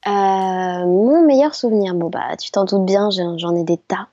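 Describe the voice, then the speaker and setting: A middle-aged voice actress telling stories in an interview, chatty and hesitant with many fillers. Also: female voice, medium pitch, measured pace, dark tone, no room sound. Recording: slightly dull lo-fi sound.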